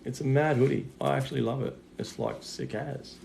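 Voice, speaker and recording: A man with a mid-range, slightly mellow voice talks briskly on a livestream, doing live readings as a psychic medium. He's matey and sweary, full of slang, and the recording is clear apart from some background noise.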